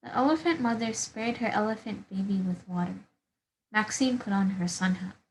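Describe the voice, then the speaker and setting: A woman volunteer reads a children's picture book aloud over a video call. Her voice is mid-range at a moderate pace, and the rough recording has a little hiss or hum.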